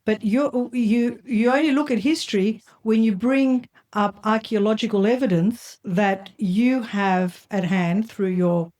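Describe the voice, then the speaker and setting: A woman's voice: on the high side, unhurried, hardly any pauses, a little mellow. A woman hosting a conversational podcast, probing and summing up points as she goes. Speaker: podcast host.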